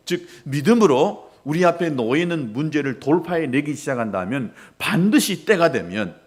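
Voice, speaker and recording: A middle-aged male pastor preaching a sermon, swinging between loud rises and quiet drops. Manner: preaching with dramatic rises and drops in pitch and volume.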